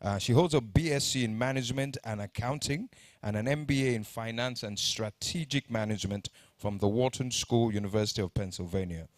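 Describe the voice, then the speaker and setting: A conference emcee, a man with a medium-pitched voice, introduces speakers from the stage at a brisk pace. He reads their bios, jokes lightly, and now and then trips over names. The recording is dry and studio quality.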